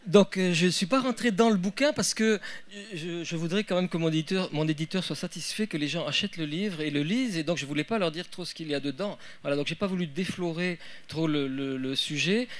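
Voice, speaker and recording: A man's voice: a little high, fairly quick. A man, an author talking casually at a public event, with many fillers and restarts. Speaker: author at a book fair talk. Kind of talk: casual spoken talk with audience.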